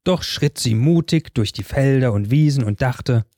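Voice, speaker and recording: Calm male fairy-tale reader, dark tone, dry studio sound. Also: mid-range voice, normal speed, no echo. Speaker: storyteller.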